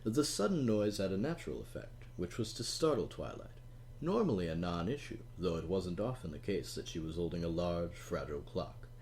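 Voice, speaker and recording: An audiobook narrator reads a storybook, slipping into playful, teasing asides to the listener. His low, darkish voice swings widely in pitch at a moderate pace, with slight background noise.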